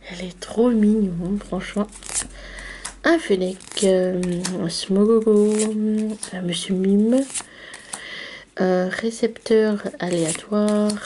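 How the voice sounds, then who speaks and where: Woman opening card packs on her channel, chatty, talks to viewers, slow and unhurried. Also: mid-range voice, dark tone, slight background noise. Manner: chatty and unscripted, addresses viewers directly. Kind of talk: casual card-opening vlog.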